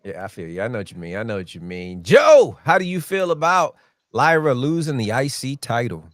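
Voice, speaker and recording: A man's voice: medium pitch, very animated, brisk, no room sound, clean studio sound. A man hosting a casual wrestling podcast, laughing often and passing questions to his co-hosts. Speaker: podcast host.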